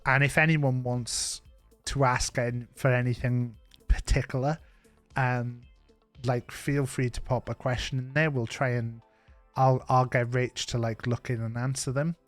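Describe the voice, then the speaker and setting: A man's voice: mid-range voice, little pitch movement, measured pace, dry recording, faint music behind. Welsh man joking on a stream. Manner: joking, rambling with fillers. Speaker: streamer host. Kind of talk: casual chat on a live stream. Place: home streaming setup.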